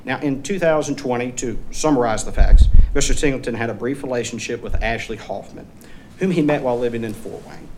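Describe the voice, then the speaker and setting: A man arguing as a lawyer in court, speaking in a formal, measured and deferential way. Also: mid-range voice, a little mellow. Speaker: defense appellate lawyer. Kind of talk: formal oral argument. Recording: clearly noisy courtroom recording.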